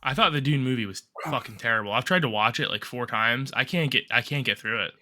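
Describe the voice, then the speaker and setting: A man co-hosting a casual podcast, rambling and swearing through animated rants, still a bit congested from a cough. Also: mid-range voice, fast. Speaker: podcast co-host.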